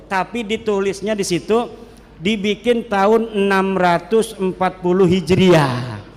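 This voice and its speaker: High-voiced cleric lecturing in an echoing hall. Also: male voice. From Banten, Indonesia. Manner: lively and joking, switches between regional languages. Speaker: Islamic cleric. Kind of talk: religious lecture to an audience. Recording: hall reverb.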